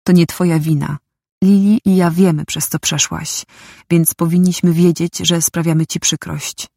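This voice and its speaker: Audiobook: calm, steady young lover read by a woman, husky, close and dry. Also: lowish voice, moderate pace, no room sound. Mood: calm soothing. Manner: calm and sure. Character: young man, steady, tender, persistent lover.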